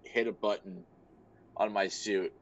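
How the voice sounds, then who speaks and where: Man, tabletop player, slow drawl, slightly dull muffled sound. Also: lowish voice. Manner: relaxed, hesitant, playful. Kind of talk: casual tabletop play narration. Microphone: online call mic.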